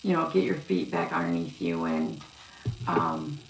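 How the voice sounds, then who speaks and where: A woman giving a casual psychic reading on a live stream, talking haltingly with many fillers and restarts. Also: low voice, sing-song, vocal fry, soft background music. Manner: halting, filler-heavy, yawning. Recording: echoey room with faint noise.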